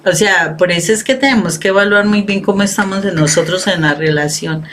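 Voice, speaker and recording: A woman co-hosting a casual spiritual conversation, agreeing and getting animated as she explains. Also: medium pitch, brisk. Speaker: co-host. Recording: faint background noise.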